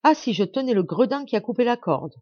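A woman voicing a loyal, blustering old male corporal in an audiobook, with loud indignant outbursts. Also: medium pitch, expressive, normal speed, dry recording, highs cut off, close to an everyday voice. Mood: gruff. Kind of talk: audiobook character voice.

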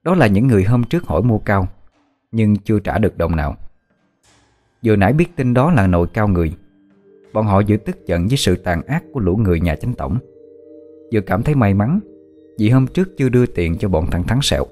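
A man narrating a dark folk tale in a steady, dramatic way. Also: on the low side, a little fast, long pauses, faint music behind. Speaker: storyteller.

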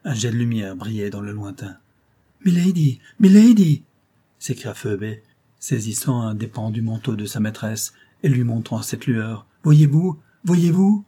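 Mellow, husky male narrator. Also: fairly low pitch. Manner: steady, measured storytelling. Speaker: audiobook reader. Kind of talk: scripted narration of a classic novel.

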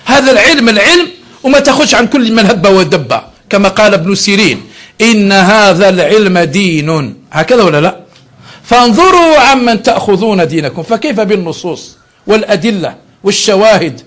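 Man, Algerian accent, sheikh's religious lesson, very high voice, brisk pace, conversational, checks with listeners, self-correcting. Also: expressive, a bit bright. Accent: Algerian Arabic. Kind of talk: religious lesson mixing classical Arabic and dialect.

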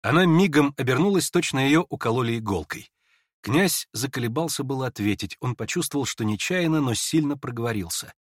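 A man narrating a classic novel in a calm, measured reading. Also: medium pitch, no room sound, studio quality. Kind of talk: literary narration.

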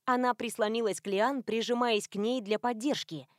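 A woman narrating a novel in an expressive, lively reading. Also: fairly high pitch, moderate pace, no room sound, clean studio sound. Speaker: audiobook narrator. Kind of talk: scripted narration.

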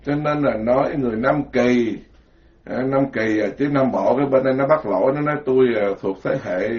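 A man's voice: medium pitch, normal speed. A man with a Southern Vietnamese accent from the Mekong Delta, a Buddhist monk giving an informal, joking sermon and piling up words in emphatic lists. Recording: dull lo-fi recording.

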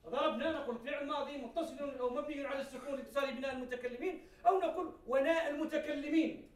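High-voiced male grammar teacher in an echoey classroom. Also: fast talker, far from the mic. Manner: explains by repeating examples, asks the class questions, laughs now and then.

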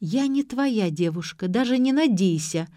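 A woman's voice: mid-range voice, lively intonation, normal speed, mellow, no echo, studio quality, close to an everyday voice. Storybook figure: a snappy, sarcastic young woman, voiced by a woman reader. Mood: dismissive.

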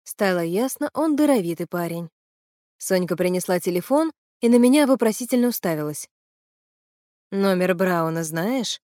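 A woman reading a first-person audiobook with lively, wry storytelling. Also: medium pitch, fairly quick, dry recording, studio quality. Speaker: audiobook narrator.

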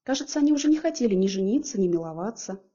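Woman, audiobook narrator, first-person storytelling, lively, husky voice, lo-fi recording. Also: medium pitch, very fast.

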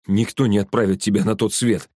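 An overwrought young man speaks in a strained, raised, excited voice, as a man puts him on well above his own low pitch. It is a storybook audiobook, dry and close. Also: fairly quick, no echo, natural voice. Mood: defiant.

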